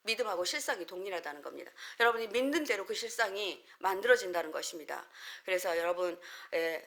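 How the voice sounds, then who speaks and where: A woman pastor giving a sermon and leading fervent spoken prayer, with steady preaching that rises into impassioned, repetitive calling out. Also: mid-range voice. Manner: calm, measured preaching. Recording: music playing underneath. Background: instrumental music.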